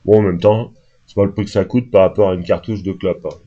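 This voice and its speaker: Freshly awake, this male vlogger rambles to camera without a script, hesitant and full of fillers, yet he talks fast. His voice is low, steady and dark, and the home recording sounds dull and lo-fi.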